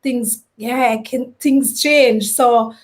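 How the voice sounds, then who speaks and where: A woman hosting a casual live stream interview, animated as she greets viewers and reads out their comments. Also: a little high, extremely slow.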